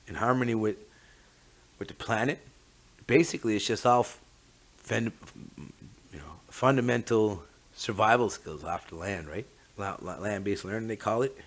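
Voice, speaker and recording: A man with a Mi'kmaq First Nations Canadian English accent giving an informal, reflective, rambling talk, often tagging his phrases with "eh". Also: lowish voice. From Mi'kma'ki, eastern Canada. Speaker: host of a talk on traditional teachings.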